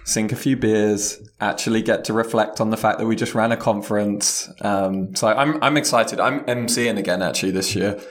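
A British man co-hosting a podcast in casual chat, self-deprecating and quick to laugh, with a roomy echo from an echoey conference room. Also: lowish voice, fairly even intonation. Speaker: podcast co-host.

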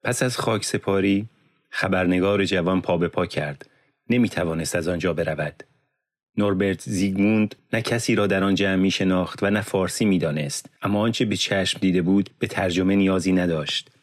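A man narrating an audiobook in a measured, solemn reading on a close studio mic. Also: sits low, no room sound. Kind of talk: scripted narration.

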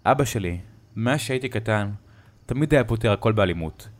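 A man narrating a horror story in a slow, dramatic storytelling manner. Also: lowish voice, animated.

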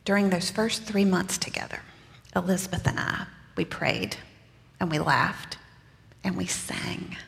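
Mary, a young mother, tells her story with slow, earnest warmth and a chatty turn of phrase, voiced by a woman preaching in the first person. The voice sits low with a gravelly edge. A long reverb rings around her, as in a large church sanctuary. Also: exaggerated voice. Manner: conversational, earnest storytelling with casual asides. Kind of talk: first-person dramatic sermon monologue.

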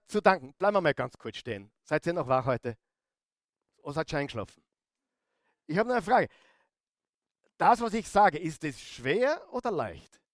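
A man preaching as a pastor, rousing and questioning his congregation, with dramatic pauses. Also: on the high side, no echo, studio quality. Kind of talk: sermon.

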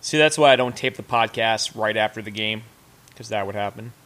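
A man's voice: on the low side, fairly bright tone. A man hosting a sports fan show, ranting with sarcasm and profanity while he cooks. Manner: sarcastic, profane, fast rants. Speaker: host of a sports fan podcast. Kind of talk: casual ranting commentary while cooking.

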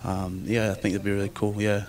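Soft-spoken Australian man, flat low voice. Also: fairly quick, slight background noise. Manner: soft-spoken, thoughtful, hesitant with many fillers. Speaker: rugby player. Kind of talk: radio interview answers.

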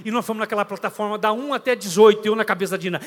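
A man preaching a storytelling sermon with a dramatic delivery, sometimes shouting. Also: sits high, racing, in a large hall.

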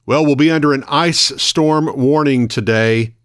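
A man hosting a local radio morning show, reading news announcements in a measured, orderly way from a studio. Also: on the high side, smooth. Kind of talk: radio news announcing of weather, closings and notices.

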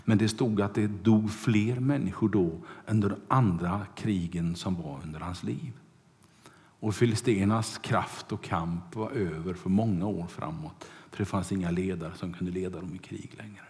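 A man preaching a sermon, retelling a Bible story with loud bursts and hushed asides. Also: sits low. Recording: long hall reverb.

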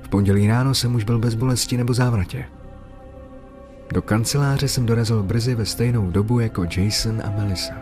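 A man's voice: fairly low pitch, steady tone. A man narrating a scripted horror story, occasionally raising his voice for the characters' lines. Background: faint music.

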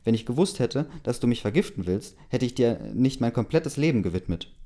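A man voicing a flustered, nosy woman who calls herself a biographer, speaking indignantly and a bit louder. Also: mid-range voice, expressive, a little fast, close to an everyday voice.

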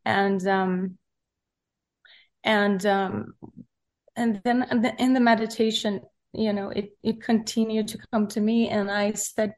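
Woman, middle-aged, soft-spoken, halting, reflective interview talk. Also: medium pitch. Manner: soft-spoken, searching for words, many fillers. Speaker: recording artist interviewed.

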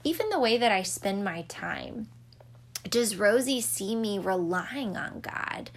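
A woman's voice: mid-range voice, lively intonation, takes it slowly. A young woman, a mother, giving a devotional talk in an earnest, reflective way with touches of light humor.

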